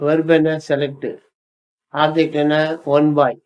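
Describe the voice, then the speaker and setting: An older man with a Tamil accent gives a grammar lesson in a fairly high voice. He talks very slowly and deliberately, pausing between phrases. He reads English example sentences with careful emphasis. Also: little pitch movement, dull audio. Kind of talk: slow explanatory lesson.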